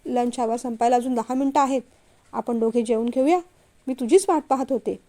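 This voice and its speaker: A woman voicing a gentle young woman in a storybook reading, speaking softly and coaxingly to the man she loves. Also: fairly high pitch, fairly quick, close to an everyday voice. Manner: soft, coaxing. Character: gentle, apologetic young woman, office employee.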